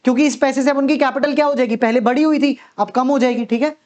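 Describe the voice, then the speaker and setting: A man's voice: very high voice, steady tone, fast, a little mellow, highs cut off. A man teaching accountancy in a lecture, posing questions and answering them the way his students would, and checking in with a frequent "okay". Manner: repeats a reassuring "okay" to check understanding. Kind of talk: classroom lecture.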